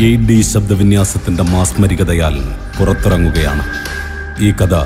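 Deep-voiced man narrating horror dramatically. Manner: intense, theatrical, rising to shouts. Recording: reverberant with music behind.

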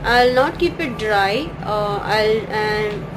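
Woman, slow and unhurried, talking through a sheet mask, noisy background. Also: mid-range voice, animated. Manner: plain, unhurried explaining. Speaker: beauty vlogger. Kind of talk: casual product review. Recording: background hum and traffic noise.

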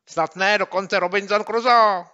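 A man voicing a mischievous schoolboy rival who shouts slow, drawn-out taunts in an audiobook. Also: high voice, fairly even intonation, clear, resonant tone, dull audio, pitched above the performer's own voice. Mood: taunting. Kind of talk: audiobook character voice.

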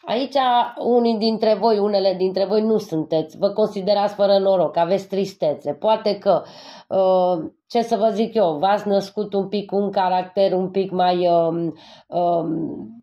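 A woman's voice: mid-range voice, steady tone, dark tone. A woman from Transylvania doing a tarot reading for her viewers. She is a little congested from a cold, speaks to them fondly and keeps checking in with a questioning "yes?". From Transylvania, Romania. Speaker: tarot card reader. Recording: dull lo-fi recording.

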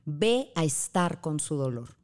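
A woman's voice: sits low, very animated, unhurried. A woman guest on a podcast talking about grief, telling stories and acting out what people say. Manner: warm storytelling, acts out quoted voices. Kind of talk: casual podcast conversation.

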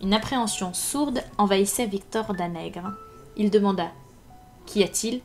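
A woman narrating a classic novel aloud in a live reading, her delivery measured and mid-pitched. Soft music plays faintly behind her voice. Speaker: reader.

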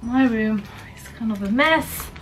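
Here a thirty-year-old woman vlogs indoors in her bedroom, talking casually to the camera in a rambling way with plenty of fillers. Her voice is a little high and a little slow. Recorded on a camera held at arm's length, the clip carries a faint hiss or hum.

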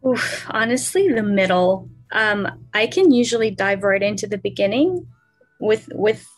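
A woman's voice: medium pitch, lively intonation, faint music behind. Laughing young woman author. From Canada. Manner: friendly, laughs often, thoughtful pauses. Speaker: author guest. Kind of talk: podcast interview.

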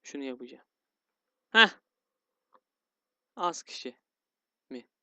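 Guy doing let's play commentary, mid pitch, dry close mic, keeps sighing and grumbling. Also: expressive, slow, bright, forceful tone, no room sound. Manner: grumbling and easily frustrated, with sighs and yelps. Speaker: gaming YouTuber.

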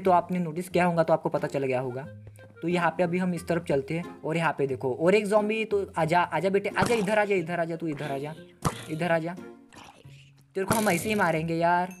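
A man giving Let's Play gameplay commentary as a gaming channel host, excitable and full of slangy exclamations. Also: sits high.

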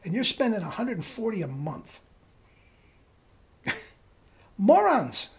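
Woman, video rant, scornful, mocking, swooping pitch. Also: animated, a little slow. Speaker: weight loss coach. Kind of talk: ranting video monologue.

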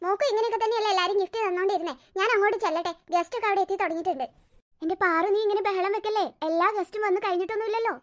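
A woman's voice: very high-pitched, steady tone, very fast. A woman voicing a busy, fussy cartoon mother who scolds and coaxes her daughter. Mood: fussing. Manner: scolding, coaxing. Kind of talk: cartoon voice acting.

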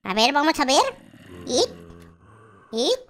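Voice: high voice, sing-song, slow pace, a bit bright, exaggerated voice. A performer voicing a timid but boastful baby noob boy in a Minecraft gameplay video, talking in childish baby talk with a lisp. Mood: nervous. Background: faint background music.

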